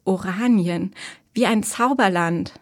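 A woman's voice: mid-range voice, slow pace. A woman voicing a curious younger sister who asks eager, wondering questions.

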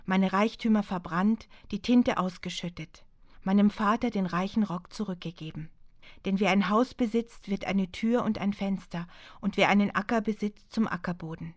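A woman's voice: mid-range voice, moderate pace, dry recording, lightly acted. Woman reading a young monk, fervent n pleading, dry close audiobook sound. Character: pious young male monk, penitent.

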